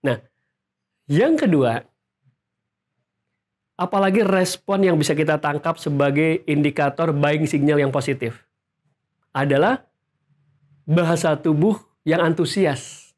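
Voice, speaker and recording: A man's voice: on the high side, unhurried, long pauses, darkish tone. A man coaching salespeople in an instructional video, talking energetically and straight to the viewers. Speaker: sales trainer. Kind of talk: instructional video talk to camera.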